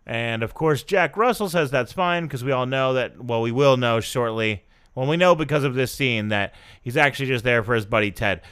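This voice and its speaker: Smooth-voiced man rambling on a podcast. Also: mid-range voice, moderate pace, a bit bright. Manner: rambling, self-correcting, fillers. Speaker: podcast host. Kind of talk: casual podcast review chat.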